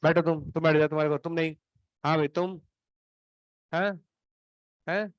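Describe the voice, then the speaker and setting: A man's voice: fairly high pitch, steady tone, moderate pace, clear, resonant tone, dry recording, dull audio. A male coaching teacher scolding his students in class, stern and sarcastic, grilling them one by one while running a fever. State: feverish, throat unwell.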